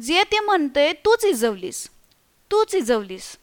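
A woman voicing a frightened village man who tells a ghost tale in hushed, stammering, earthy speech, as part of a storybook reading. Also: sits high, big pitch swings, slow pace, exaggerated voice. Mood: spooked.

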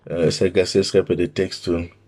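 A man from Romania, with a fairly low voice, preaches a sermon. He reads scripture in a measured way, then breaks into animated, emphatic comments. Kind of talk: sermon with Bible reading.

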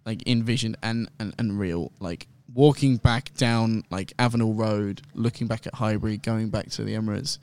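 A young man, guest host on a podcast, telling a long story in excitable, rambling casual chat full of fillers. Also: on the low side, normal speed, few pauses, smooth. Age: young adult.

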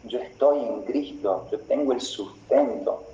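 A man preaching a sermon as pastor, slow and deliberate, repeating phrases for emphasis. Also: mid-range voice, warm tone. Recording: roomy, slightly dull recording.

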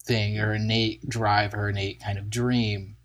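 A man's voice: lowish voice, level tone, unhurried, a little hiss or hum. A man co-hosting a storytelling podcast, rambling through his thought process with lots of filler words. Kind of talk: casual chat.

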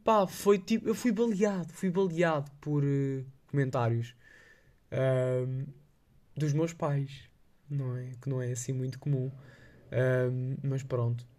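A man's voice: medium pitch, fairly even intonation, measured pace, a little mellow. A young man with a Lisbon Portuguese accent, chatting casually and telling anecdotes in a slangy, hesitant, rambling way. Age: young adult. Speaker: podcast host.

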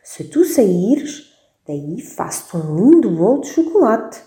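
A woman voicing a sweet grandmother in a soft, coaxing voice. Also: high voice, wildly swooping pitch, unhurried, pitched above the performer's own voice, full character voice. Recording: roomy echo.

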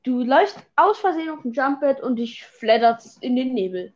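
Young woman host, high voice, teasing, slangy, kinda muffled mic. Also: animated, normal speed. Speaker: podcast host. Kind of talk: casual chat while gaming.

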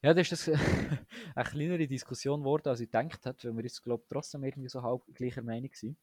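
A man's voice: medium pitch, fairly even intonation, a little fast, a little mellow, no room sound. A young man co-hosting a casual podcast chat, talking eagerly with slang and many restarts. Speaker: podcast co-host.

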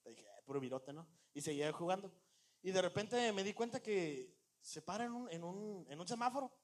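A man's voice: high-pitched, animated, moderate pace. A young man with a Mexican accent telling a story to friends in a casual, slangy way, acting out the voices he quotes. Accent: Mexican Spanish.

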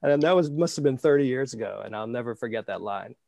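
Fast and lively in intonation, this New York man has a medium pitch, vocal fry, and a slightly mellow tone on a dry recording. As a guest in a Scottish flat, the amateur pitcher rambles through casual stories full of fillers.

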